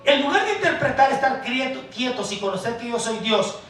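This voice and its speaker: A man preaching a sermon as pastor, calling the congregation brothers, swinging from soft asides to loud emphasis. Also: extremely high pitch, very animated, brisk. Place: church hall. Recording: echoey church hall, mic far off.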